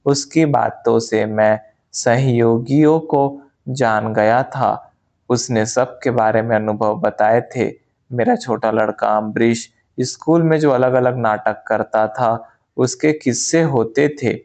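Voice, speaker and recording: Slow, calm male audiobook narrator. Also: medium pitch. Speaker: narrator reading a spiritual memoir.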